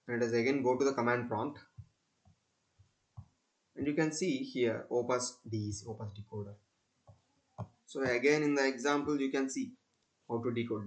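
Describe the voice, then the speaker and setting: A young male student presents an unscripted screen-recording tutorial in a medium-pitched voice. He speaks haltingly and repeats himself.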